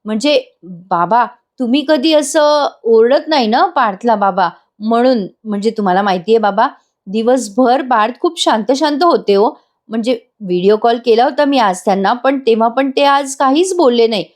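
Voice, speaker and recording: A woman's voice: on the high side, normal speed, close to an everyday voice. Woman retelling caring young daughter-in-law. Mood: earnest.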